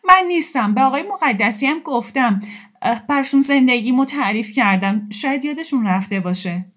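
A woman voicing a tearful young woman who pleads in a high, shaky voice. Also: natural voice. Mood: tearful, pleading.

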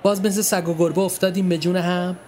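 A man's voice: high-pitched, little pitch movement, a little mellow, slight background noise, pitched above the performer's own voice, lightly acted. A man voicing a stern middle-aged mother who scolds her children firmly. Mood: scolding. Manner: scolding, firm.

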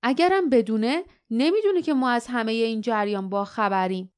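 A woman's voice: fairly high pitch, a little mellow, smooth, no room sound, studio quality, close to an everyday voice. A woman voicing a thoughtful, determined young man in an audiobook. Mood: resolute. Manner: thoughtful, resolute.

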